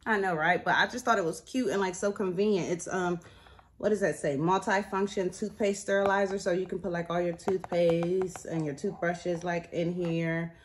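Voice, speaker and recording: A woman's voice: lowish voice, fairly even intonation, moderate pace, slight background noise. A young woman chatting casually to her vlog camera, talkative and loose, filling her sentences with "like" and "y'all". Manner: chatty, says "like" and "y'all" a lot. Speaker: vlogger. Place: apartment at home, then a store.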